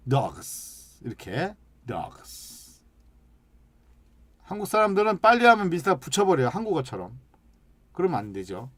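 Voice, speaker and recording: A man teaching an English lesson, stretching out sounds and syllables slowly as he demonstrates, and asking the class questions that he then answers himself. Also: fairly high pitch, dry recording. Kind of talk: lecture with slide examples.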